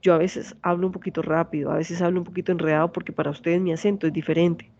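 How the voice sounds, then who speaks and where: A woman's voice: on the low side, level tone, fast talker, a little mellow, muffled recording. A woman in her forties with a Santander Colombian accent, a university teacher giving an online lecture and often asking her students questions. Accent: Santander Colombian Spanish. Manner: asks students many check questions.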